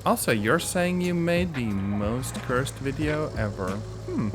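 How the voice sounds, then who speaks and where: A man's voice: medium pitch, lively intonation, unhurried, background noise. A man streaming a game, thinking aloud in casual commentary with mild grumbles, game music playing behind. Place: home streaming setup.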